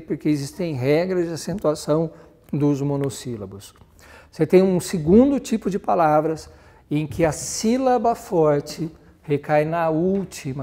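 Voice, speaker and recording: A man's voice: fairly high pitch, warm tone. A man with a Brazilian Portuguese accent teaching a grammar lesson, explaining step by step, giving examples and spelling words out.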